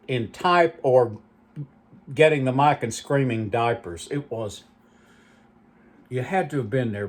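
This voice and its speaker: A man's voice: medium pitch, husky. A man hosting his own channel, telling rambling, nostalgic stories with lots of asides. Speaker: channel host. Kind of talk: rambling reminiscing monologue.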